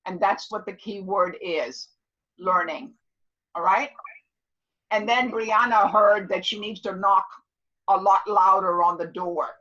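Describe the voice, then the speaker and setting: With the highs cut off, this recording captures a seventy-year-old woman instructing a class in a casual, motivational way. She speaks at a medium pitch, slowly, pausing often, and she's loud, clear, emphatic and motherly. She repeats points to confirm understanding and addresses listeners with motherly pet names.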